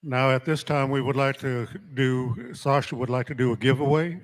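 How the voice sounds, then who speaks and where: A man working as a powwow emcee, announcing honorees and calling people up in a deliberate, ceremonial way with pauses. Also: medium pitch, fairly even intonation.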